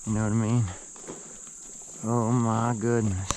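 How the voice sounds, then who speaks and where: A man's voice: on the low side, a little slow, a little hiss or hum. A man hosting his own fishing video outdoors by a lake, recorded on an action camera, who keeps talking to himself and to the fish he lands. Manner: excitable, talks to himself and the fish. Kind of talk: casual fishing vlog commentary.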